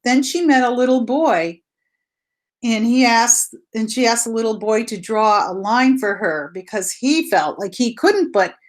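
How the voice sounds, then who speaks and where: A woman teacher with a fairly high, animated voice leads a read-aloud lesson for young children at a measured pace. She explains things simply, repeats herself, and poses questions she then answers herself.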